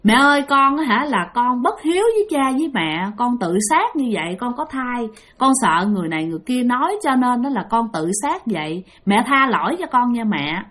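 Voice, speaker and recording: A woman's voice: on the high side, sing-song, moderate pace, hardly any pauses, fairly bright tone. Woman voicing a young woman's ghost. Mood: pleading. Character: ghost of a young woman, pleading, turns menacing.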